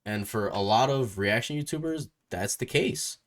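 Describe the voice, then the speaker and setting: Hosting a relaxed interview as a music YouTuber, a man from Puerto Rico or a Puerto Rican family speaks in an expressive, slightly bright, medium-pitched voice at a moderate pace. His talk rambles and repeats, peppered with questioning tags.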